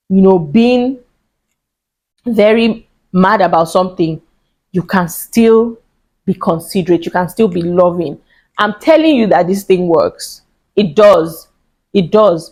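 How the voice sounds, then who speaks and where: A woman's voice: mid-range voice, warm tone, poor audio. A woman in her thirties giving earnest, chatty parenting advice to camera, repeating points for emphasis. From Nigeria. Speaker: parenting vlogger. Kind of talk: casual advice talk to camera.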